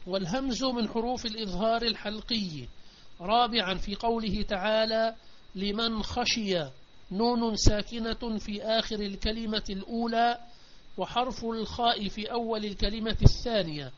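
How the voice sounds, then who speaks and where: A man with a fairly high voice gives a methodical online recitation lesson, pausing often to ask his students whether they have followed. The sound is dull and lo-fi, with a faint hiss behind it, as over a voice chat. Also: fairly bright tone. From Palestine. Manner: explains step by step and keeps asking if students understood. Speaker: Islamic teacher. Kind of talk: online tajweed and Quran commentary lesson.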